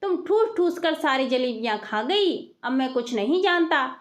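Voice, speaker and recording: Village sweet seller, blunt and insistent, high-voiced, played by a woman storyteller. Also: animated, measured pace. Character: village jalebi seller, man, blunt and money-minded.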